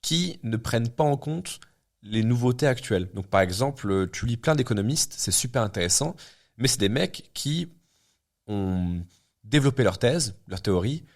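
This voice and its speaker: On a laid-back podcast, a man in his twenties appearing as a guest entrepreneur speaks in an expressive, mid-range voice at a moderate pace. He's blunt and works through his thoughts out loud, restarting often and leaning on fillers.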